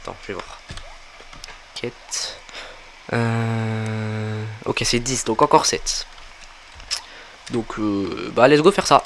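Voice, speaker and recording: A man's voice: lowish voice, steady tone, slow, pauses often, fairly bright tone, a little hiss or hum. A young man giving a casual game walkthrough, thinking aloud with lots of fillers as he plays. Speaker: gaming tutorial creator.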